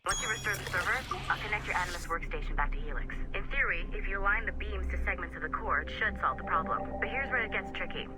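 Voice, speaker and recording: Female technical guide actress, mid-pitched, instructive. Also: fast talker, hardly any pauses, loud music behind the voice, lightly acted. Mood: instructive, encouraging. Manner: instructive, informal. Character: brisk, helpful technical colleague guiding a player. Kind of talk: video game tutorial acting.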